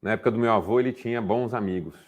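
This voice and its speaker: His voice is on the low side and he races along, delivering motivation to a men's group. The speaker, a therapist, throws out rhetorical questions and acts out brief exchanges.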